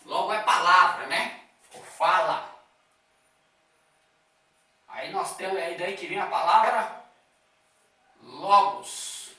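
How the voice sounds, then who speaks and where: Teacher, male, high pitch, bright edge, leisurely lecturing pace; recorded far off in a roomy, reverberant space. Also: slow pace, pauses often. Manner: explains step by step, with frequent "tá?" and "ó" checks. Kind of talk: classroom lecture. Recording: echoey room, voice from a distance.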